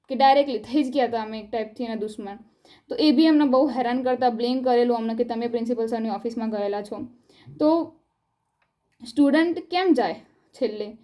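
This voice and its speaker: A young woman's voice, set a little high yet mellow and soft-edged. She is a college student recounting events in an earnest, upset way. It sounds like a personal statement recorded on her own video. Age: young adult. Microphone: self-recorded video.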